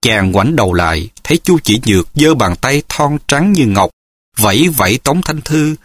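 A man's voice: mid-range voice, big pitch swings, moderate pace, slightly rough, no echo. A man narrating a martial-arts novel as an audiobook, reading expressively and dramatically.

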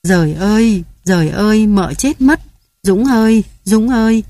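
A woman's voice: fairly low pitch, a little slow, mellow, husky, dry recording. A woman voicing a grieving mother who was cast out by her family, speaking in a tearful, choked, pleading voice. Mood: sobbing.

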